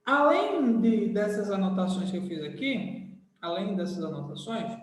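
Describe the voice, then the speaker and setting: Man, high voice, slow deliberate teaching pace, repeats key phrases, far off in a reverberant hall. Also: lively intonation. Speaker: Portuguese grammar teacher. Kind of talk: classroom grammar lesson. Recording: echoey hall, voice far from the mic.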